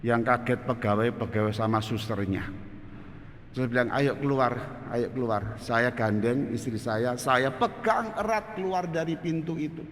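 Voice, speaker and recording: Animated preacher in a chapel. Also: male voice, medium pitch, normal speed, a little hiss or hum. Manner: animated storytelling, often addresses listeners as "saudara". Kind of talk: sermon. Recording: reverberant chapel, faint ambience.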